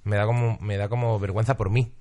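A man from Spain, a comedian hosting a podcast, chatting in a relaxed way and swearing freely. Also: on the low side, fast. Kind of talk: casual podcast chat.

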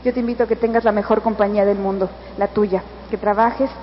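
A woman's voice: medium pitch, steady tone, quick pace. A woman with a Mexican accent giving an earnest, coaxing motivational speech at a convention, addressing the listener directly. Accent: Mexican Spanish. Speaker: motivational speaker. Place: convention hall. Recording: echoey hall, dull sound, faint noise.

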